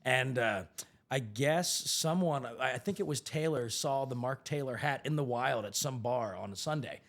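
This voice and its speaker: A man's voice: mid-range voice, normal speed. A young man, a singer-songwriter guest, telling stories in a casual interview and acting out other people's voices. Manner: animated storyteller who acts out others' voices.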